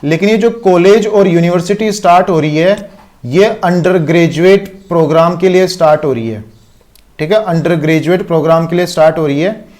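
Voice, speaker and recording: A man's voice: high voice, moderate pace, a little mellow. A man with an Indian accent teaching an online exam-prep lecture, explaining step by step and checking in with constant rhetorical questions.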